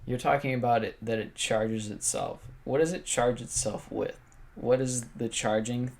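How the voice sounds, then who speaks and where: Young woman, podcast co-host, very deep voice, husky, dry teasing manner. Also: moderate pace, darkish tone. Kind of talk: casual chat.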